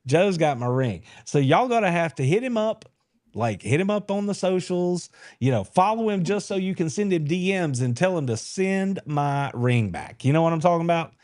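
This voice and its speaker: A man's voice: on the high side, moderate pace. A man hosting a live sports podcast, chatting in a folksy, teasing way. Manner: animated, folksy, teasing banter. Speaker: podcast host. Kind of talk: casual live-stream sports chat.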